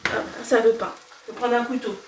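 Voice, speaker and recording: This cooking vlogger is a young woman with a slight cold, speaking casually and hesitantly, with lots of fillers and restarts. Her fairly high voice holds a steady tone at a fairly quick pace. She sounds distant in her echoey home kitchen, where a sizzling pan, stirring, and other background noise fill the recording.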